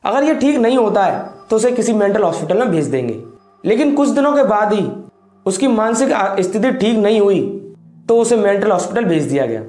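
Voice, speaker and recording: Male host, 20s, dramatic ghost-story teller, very expressive pitch, roomy small-room sound. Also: fairly quick. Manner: dramatic, drops low on ominous lines, hand gestures. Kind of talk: animated horror storytelling to camera. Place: small indoor room with cloth backdrop. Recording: echoey room, faint background music.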